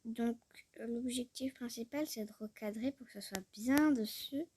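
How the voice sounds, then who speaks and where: A woman's voice: fairly high pitch, measured pace, a little mellow, a little hiss or hum. A woman chatting casually through a tutorial, rambling, talking to herself and often dropping to a murmur. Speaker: YouTuber showing a tutorial. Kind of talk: casual screen-recorded tutorial chat.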